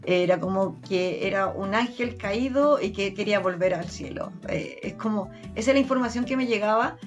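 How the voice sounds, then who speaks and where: A woman with a Chilean accent, a therapist and medium, recounting her experiences as an interview guest with earnest, animated storytelling. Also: medium pitch, moderate pace, muffled recording, faint music behind. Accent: Chilean Spanish. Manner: earnest, animated retelling with many restarts.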